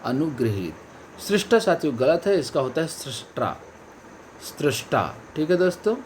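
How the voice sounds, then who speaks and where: A man's voice: fairly high pitch, darkish tone, slight background noise. A male coaching teacher giving an online exam-prep lesson, stressing each key word and repeating the correct answer. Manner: addresses viewers as friends and companions.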